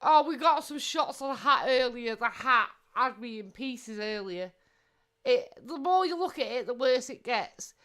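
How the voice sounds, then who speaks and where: A woman's voice: a little high, animated, a little slow, fairly bright tone. A woman co-hosting a livestream, chipping in with blunt, sweary, mocking remarks and greeting viewers. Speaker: livestream co-host. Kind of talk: casual livestream banter.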